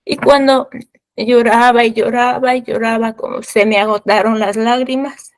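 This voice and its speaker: A woman giving a personal faith testimony, speaking in a halting, fervent way, often repeating words as she recalls her prayers. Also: a little high, fairly even intonation, no room sound.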